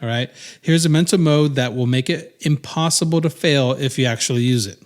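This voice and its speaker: A man in his thirties talks in a loose, casual podcast chat, with a voice of ordinary middle pitch. He rambles and restarts his sentences often, filling the gaps with "um" and "like". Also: a little fast. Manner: rambling, many restarts and fillers. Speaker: podcast co-host.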